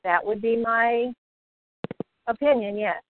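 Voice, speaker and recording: A woman heard over a phone speaker, reading instructions aloud on a group call with halting pauses and fillers. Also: on the high side, slight background noise. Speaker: meeting participant reading out instructions. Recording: tinny dry phone line.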